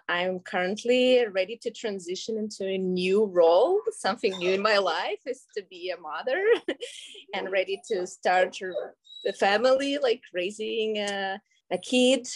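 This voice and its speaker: A woman's voice: mid-range voice, expressive, unhurried. A woman in her thirties from Russia with a Russian accent, talking as an interview guest, hesitant with many fillers and frequent laughs. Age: 30s. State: pregnant. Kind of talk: casual interview.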